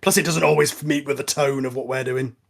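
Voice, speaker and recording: Steady in tone and creaky, his mid-range voice moves briskly as this audio drama host and writer offers casual, hesitant, chatty explanations in an informal film commentary.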